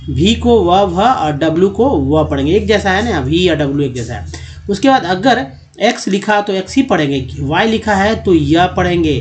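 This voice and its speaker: A man with a high-sitting voice teaches a spoken English lesson for his channel. He goes step by step, repeats himself, and checks in with the viewer.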